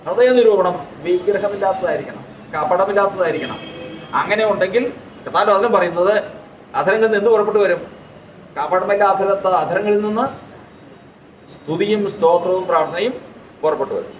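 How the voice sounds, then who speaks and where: A man's voice: high voice, brisk, pauses often. Man, Keralite accent, sermon, rhetorical questions, emphatic repetition, roomy church hall, faint background noise. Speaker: preacher. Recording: echoey hall, distant mic.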